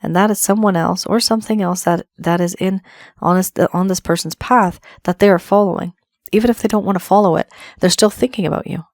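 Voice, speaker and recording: A woman's voice: lowish voice, fairly even intonation, a little fast, a little mellow, no room sound, studio quality. A woman giving an earnest tarot reading, her voice still worn from the flu, repeating phrases for emphasis. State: voice affected by flu. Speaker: tarot reader.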